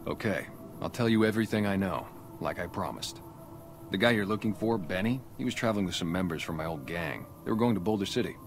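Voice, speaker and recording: A very deep, blunt ex-gang sniper for a video game, guarded and matter-of-fact. Clear music plays under his lines. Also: quick pace. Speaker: town security guard. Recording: game audio with music behind.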